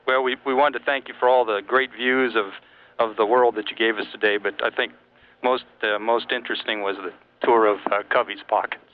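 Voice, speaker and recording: A man working as a capcom, giving measured, procedural briefings in an astronaut radio exchange. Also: on the low side, steady tone, narrow, tinny audio. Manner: measured, procedural, matter-of-fact. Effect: space radio link. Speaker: capcom at mission control. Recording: thin radio link, faint noise.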